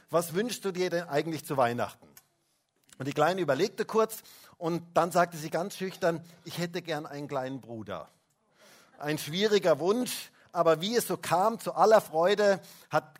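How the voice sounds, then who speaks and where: A man preaching a Christmas sermon in a church service, chatting with the children and often tagging questions with "hä?". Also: fairly high pitch. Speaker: pastor. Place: church service, also livestreamed.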